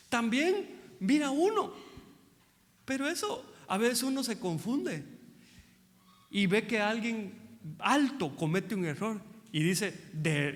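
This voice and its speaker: Male pastor, high and very animated delivery, folksy sermon with rhetorical questions, long hall reverb. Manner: asks the congregation rhetorical questions, addresses them as brother; folksy, joking asides. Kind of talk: conversational sermon. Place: church hall.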